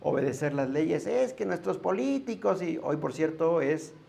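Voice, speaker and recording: Gravelly Mexican pastor preaching. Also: male voice, on the high side, expressive, moderate pace, dark tone. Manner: conversational teaching, asks the congregation questions. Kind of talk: sermon.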